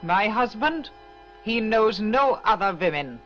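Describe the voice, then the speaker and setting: A stiff, guarded wife, curt formal delivery, muffled 1960s sound. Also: female voice, mid-range voice, expressive, slow pace, faint music behind. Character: cold, guarded wife of a mysterious man. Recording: dull 1960s film soundtrack.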